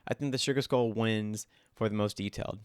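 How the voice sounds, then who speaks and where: A man's voice: fairly low pitch, steady tone, fairly quick, clear, resonant tone, no echo. A young man casually talking through his own drawings as host, rambling and self-critical, with lots of "like" fillers. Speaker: artist and channel host.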